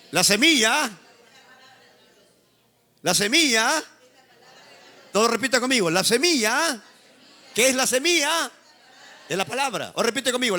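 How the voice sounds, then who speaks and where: A Peruvian pastor preaches with a high, ringing voice that swoops up and down with lively energy. He leads his congregation in call-and-response, having them echo his words, and prods them with teasing exhortation. The sound is that of a live church service. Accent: Peruvian Spanish. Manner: call-and-response preaching, has the congregation repeat after him. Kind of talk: sermon.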